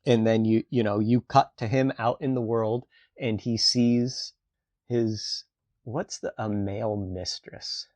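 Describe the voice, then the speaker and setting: Slow-talking nasal man. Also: on the low side, fairly even intonation, darkish tone, dry recording. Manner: halting, many restarts and fillers. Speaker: novelist and film commentator. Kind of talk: casual spoken film review.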